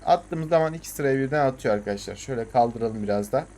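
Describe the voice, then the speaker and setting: A young Turkish gaming channel host comments on his farming game in a casual, excitable way, swearing and urging his tractor on. His voice is mid-range and fast.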